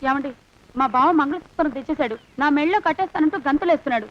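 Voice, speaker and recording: A woman's voice: high voice, very fast, close to an everyday voice. An actress playing a young woman who urges her lover to run off and marry in secret. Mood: urgent. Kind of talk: film comedy dialogue. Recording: dull lo-fi film audio.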